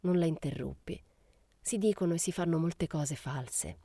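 A woman narrating a literary audiobook in a measured, unhurried way. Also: low-pitched, mellow, breathy edge, no room sound. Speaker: audiobook reader.

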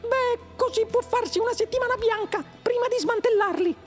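A man voicing a small male mouse who speaks in a very high, tart and sharp way. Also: moderate pace, faint music behind.

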